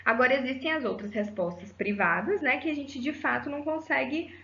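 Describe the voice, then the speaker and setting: A woman's voice: sits high, brisk, vocal fry, pushed and bright. Woman giving a lecture. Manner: didactic, frequent rhetorical tag "né?" and fillers. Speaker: psychology teacher. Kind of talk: explanatory lecture. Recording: roomy, slightly dull audio.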